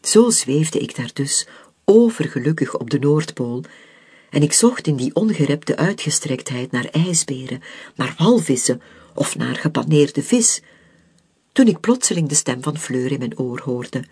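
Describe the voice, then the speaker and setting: A storyteller reading a children's story aloud, expressive, with soft whispered passages. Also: mid-range voice, unhurried, breathy edge.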